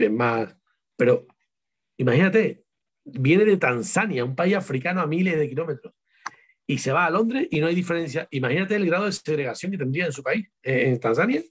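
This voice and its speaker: A man with an Andalusian accent speaks in an interview with a husky, slightly breathy voice and a somewhat high pitch. His intonation is very lively and rises and falls with emphasis. He keeps asking rhetorical questions and repeats words to drive his point home. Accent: Andalusian Spanish. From Seville, Spain. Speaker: author being interviewed. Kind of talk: casual interview talk.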